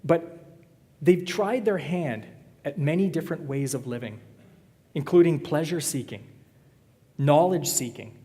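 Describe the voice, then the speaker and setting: A man preaches in a church, easygoing and quick to joke with his congregation. His voice sits a little high for a man. A long reverb from the sanctuary trails each phrase. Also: warm tone. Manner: conversational, joking with the congregation. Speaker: pastor. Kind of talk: sermon.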